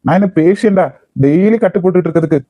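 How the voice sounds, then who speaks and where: A man's voice: high-pitched, fast talker, no room sound, phone-quality sound, natural voice. Man voicing a blunt stubborn young nephew. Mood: grudging. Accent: Kanyakumari Tamil. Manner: blunt, grudging. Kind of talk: cartoon voice acting.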